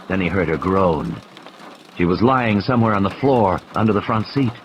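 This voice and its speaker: A man with a deep voice reads a thriller audiobook as dramatic scripted narration at a moderate pace. The recording has its highs cut off and a noisy background, with clear rain and storm effects plus rain, vehicle and ambience sound effects behind him.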